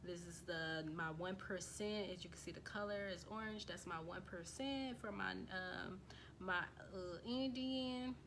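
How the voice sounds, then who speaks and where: Reading through on-screen results, this American woman vlogs loosely, full of fillers and false starts as she addresses the camera. She's from the United States, and her mid-range voice sounds a little slow and a bit bright, with slight background noise.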